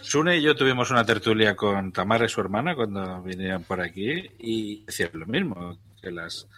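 A man from Spain co-hosting a casual podcast chat, jokey and quick to agree. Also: on the low side, lively intonation, sharp tone. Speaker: podcast co-host.

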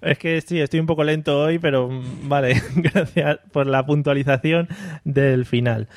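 A man's voice: a little high, steady tone, normal speed, dry recording. A man hosting a casual podcast chat, joking and laughing often. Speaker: podcast host.

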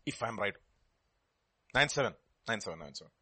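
A man's voice: on the low side, big pitch swings, fairly quick, sharp tone, husky. A man with a South Indian Telugu accent preaching a sermon in a teacherly way, repeating key words for emphasis and putting questions to his listeners.

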